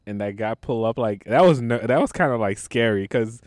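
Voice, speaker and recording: A man chatting casually as a podcast guest, chiming in with short remarks and quick recounting. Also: mid-range voice, a little mellow, dry recording, studio quality. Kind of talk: casual chat.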